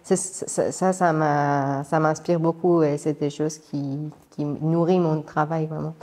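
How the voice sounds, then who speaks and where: A woman's voice: sits low, steady tone, unhurried, dark tone. A woman in her thirties from Iran, speaking as an artist being interviewed, hesitant and searching for words. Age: 30s. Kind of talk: casual interview. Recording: reverberant hall.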